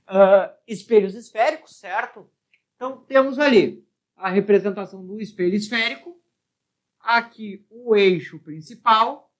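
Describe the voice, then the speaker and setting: A woman with a Brazilian accent and a mid-range voice teaches a physics lesson by working through a problem aloud. As she explains, she often checks understanding with short tag questions.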